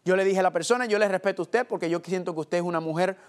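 A man's voice: high-pitched, rapid-fire. A man preaching a sermon, asking the congregation rhetorical questions and quoting scripture. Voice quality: quotes scripture. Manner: addresses listeners as family.

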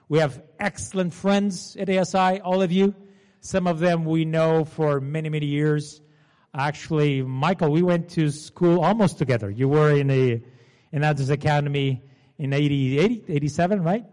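The presenter, a man in his forties with a Portuguese accent, has a fairly high, somewhat mellow voice as he gives a casual seminar talk. He keeps it chatty and regularly asks listeners to confirm. His voice carries a long hall reverb from the seminar room.

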